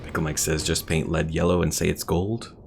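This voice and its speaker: Another gamer streams live, his delivery relaxed and talkative as he plays and reads out messages from chat. He speaks briskly in an extremely low, creaky voice that barely moves in pitch. Video game music hums softly behind him.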